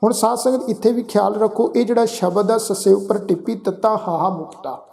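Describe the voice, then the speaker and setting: A man teaching scripture recitation, reading verses in a slow, drawn-out chant and then explaining pronunciation in brisk everyday speech. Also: sits high, creaky, a little mellow. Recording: echoey room.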